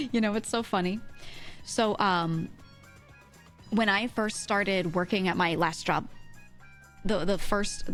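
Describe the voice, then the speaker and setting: With background music going, a livestream host from the US East Coast talks into a close streaming microphone, her thin voice at medium pitch. She's casual, animated and giggly, rambling along while reading viewer comments aloud and responding to them.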